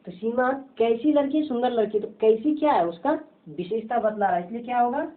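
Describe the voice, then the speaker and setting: A woman's voice: a little high, brisk, slight background noise. A woman teaching a grammar lesson, who keeps asking questions and answering them herself in a repetitive, drilling way. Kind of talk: home-tuition grammar lesson. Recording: tinny phone-like lo-fi audio.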